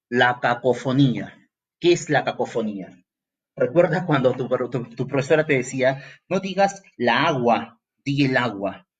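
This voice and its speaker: A man's voice: medium pitch, highs cut off. A man with a Peruvian accent teaching a grammar lesson for entrance exams, speaking straight to the student and sometimes acting out the student's questions. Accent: Peruvian Spanish. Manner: lively, talks straight to the student, acts out student questions. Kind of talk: exam-prep grammar lesson.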